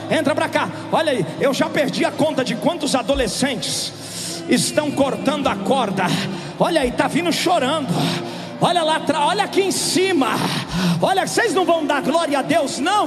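Fervent high-voiced pastor preaching. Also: male voice. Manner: impassioned, shouting calls to come forward. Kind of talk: revival sermon and altar call. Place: large church with galleries, live congregation. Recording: live church recording with long reverb and music.

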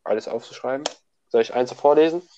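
A man's voice: medium pitch, fairly quick, mellow, dull audio, slight background noise. A young man, a student, in casual chat, slangy and laughing often, with many restarts. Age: young adult.

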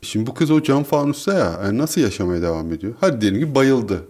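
A young man with a somewhat husky voice and a very expressive, wide-ranging pitch. He co-hosts a podcast in loose, casual chat. He keeps up a stream of sarcastic, joking commentary. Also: fast talker. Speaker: podcast co-host.

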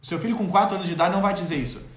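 A man giving an expressive, theatrical talk on parenting and children's emotions, addressing mothers directly. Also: high-pitched, rapid-fire. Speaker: parenting educator. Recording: roomy echo.

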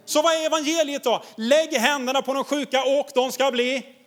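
High-voiced enthusiastic male preacher. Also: steady tone, fairly bright tone. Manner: enthusiastic, exhorting, laughs often. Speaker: pastor. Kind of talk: sermon.

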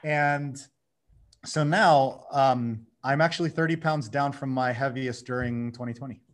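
A man in his thirties, a guest on a podcast, telling his story in a lively way and acting out his own inner dialogue. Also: mid-range voice, unhurried. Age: 30s. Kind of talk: casual conversation.

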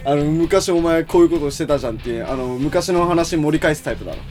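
Quick, teasing male podcast co-host. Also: a little high, darkish tone, soft background music. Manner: teasing, prompts the story along. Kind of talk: casual podcast chat.

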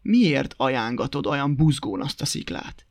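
A gruff, dim wolf growls and blusters his threats, as a man puts on his voice. He speaks lower and rougher than the storyteller's plain reading. The sound is dry and close. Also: no room sound, natural voice.

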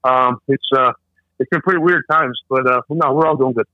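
A man's voice: medium pitch, normal speed. A man calling in over a phone speaker, chatting casually and jokingly with loose, rambling talk. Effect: heard over a phone speaker. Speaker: guest on call. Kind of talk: casual chat. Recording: tinny dry phone line.

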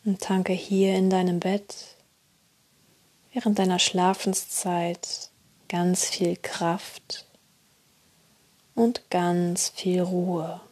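A woman guiding a sleep meditation in a soft, soothing, breathy spa-like whisper, unhurried. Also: lowish voice, monotone, dry recording. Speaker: guided meditation narrator.

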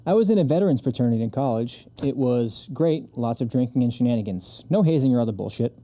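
A man's voice: mid-range voice, lively intonation, fast talker, warm tone, lo-fi sound. A man co-hosting a podcast, laid-back and profane, telling stories and reading listener comments aloud. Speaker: podcast co-host. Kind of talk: casual chat and reading comments.

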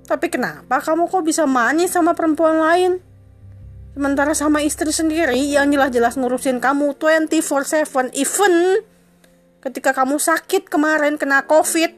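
High-voiced woman reproaching her husband. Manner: reproachful, indignant, accusing; insistent repetition. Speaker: wife confronting her husband. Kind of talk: emotional dramatic monologue.

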